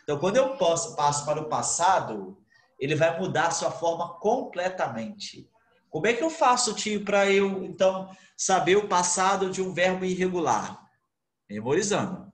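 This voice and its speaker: Man teacher, online class, animated pitch, echoey room. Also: normal speed. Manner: lively, repeats questions and answers them himself. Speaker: English teacher. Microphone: computer mic on video call. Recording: roomy video call audio.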